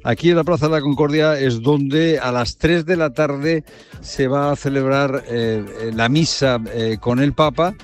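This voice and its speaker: A man's voice: mid-range voice, a little slow, soft background music. A man from doing street interviews and a live field report outdoors, chatty and conversational. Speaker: radio reporter.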